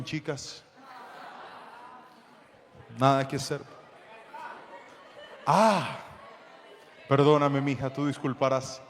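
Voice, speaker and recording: A man preaching a sermon to a congregation, telling a story with lively reenacted dialogue and jokes with the audience. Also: fairly high pitch, a little hiss or hum. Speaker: pastor. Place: church hall before a congregation. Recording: long hall reverb.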